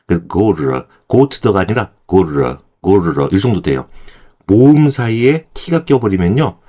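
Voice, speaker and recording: Lively low-voiced Korean man teaching. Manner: demonstrates words slowly, then repeats them. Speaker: English pronunciation teacher. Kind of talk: explanatory lesson.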